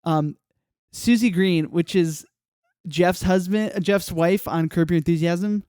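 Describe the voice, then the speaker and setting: A man co-hosting a casual podcast, talking in an animated, joking, emphatic way on a close mic. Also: sits high, unhurried, smooth, no room sound. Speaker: podcast co-host.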